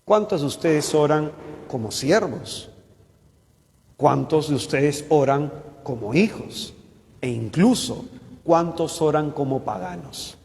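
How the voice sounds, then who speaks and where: A man's voice: fairly high pitch, animated, takes it slowly, vocal fry, darkish tone, long reverb tail. A man who is a missionary, teaching a Bible course and often asking his listeners questions. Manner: asks the listeners many questions. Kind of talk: spoken Bible lesson.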